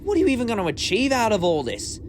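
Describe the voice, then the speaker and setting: A man's voice: sits high, wildly swooping pitch, fast talker, a little hiss or hum. A man playing an eccentric, compassionate time-travelling hero in a sci-fi audio drama, talkative and theatrical, given to speeches. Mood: taunting.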